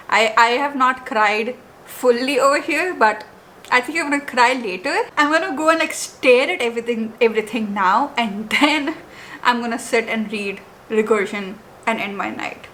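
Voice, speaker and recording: Young woman, twenties, casual vlogger, gushing and emotional; high, bright voice with faint room hum. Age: 20s. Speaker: book vlogger. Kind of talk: casual unboxing vlog.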